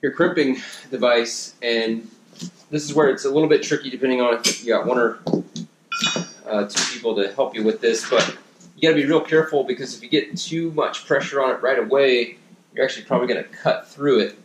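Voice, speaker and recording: A man's voice: mid-range voice, a little fast, a little hiss or hum. Man demonstrating a DIY project in an echoey home gym. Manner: relaxed instructional, many fillers and restarts; working with his hands while talking. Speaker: fitness coach. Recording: echoey room.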